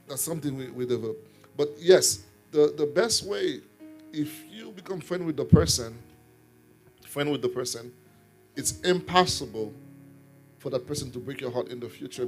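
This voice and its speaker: A man who serves as an apostle, sharing a personal testimony in a ministry talk, earnest and repeating his words as he tells the story. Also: fairly high pitch.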